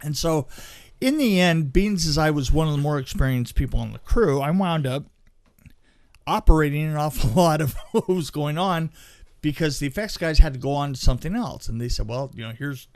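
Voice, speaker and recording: This man's voice is fairly high as he swaps anecdotes on a podcast, an experienced film crew raconteur whose telling is casual, animated and hesitant.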